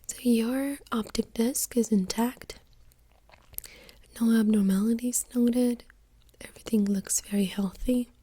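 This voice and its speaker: A woman doing a whispered role-play as a doctor in a soft-spoken ASMR exam, gently giving step-by-step instructions in a breathy whisper. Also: a little high, fairly even intonation, a little slow.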